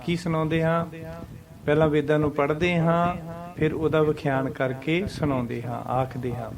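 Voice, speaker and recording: A man with a Punjabi accent, teaching how to pronounce and pause in scripture lines, reciting them slowly and then explaining their meaning. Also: fairly high pitch, steady tone, gravelly, crowd noise. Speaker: Gurbani teacher. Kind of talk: scripture pronunciation lesson.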